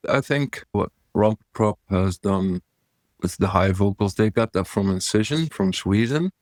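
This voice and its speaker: A man guest in a casual interview, talking through his vocal gear in a relaxed, rambling way. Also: on the low side, unhurried, dry recording, clean studio sound.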